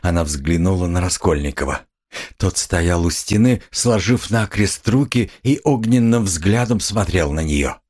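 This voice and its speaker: Husky, expressive male audiobook narrator. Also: low voice, a little slow. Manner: dramatic, expressive reading. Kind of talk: scripted literary narration.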